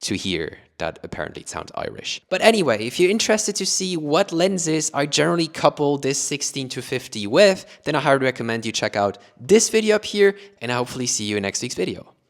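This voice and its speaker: His voice a little high with big pitch swings, this young Luxembourgish YouTuber explains camera gear briskly, hardly stopping for breath. The accent is international, Luxembourgish mixed with British-taught English, and he keeps rephrasing with "let's say" and "additionally."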